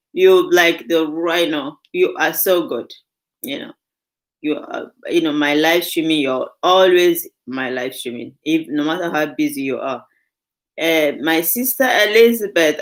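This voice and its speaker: A woman's voice: fairly low pitch, fairly bright tone. A young woman hosting a casual live stream, gushing with thanks to her viewers.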